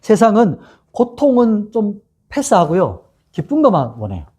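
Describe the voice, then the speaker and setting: A man's voice: high voice, huge pitch swings, moderate pace, mellow, slightly rough. A male pastor giving an expository sermon to young adults, telling the story and asking the listeners rhetorical questions.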